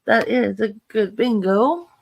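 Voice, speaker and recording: A woman casually hosting an online bingo game, chatty, reading numbers deliberately and congratulating players. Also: a little high, vocal fry, a little mellow, highs cut off. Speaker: bingo host.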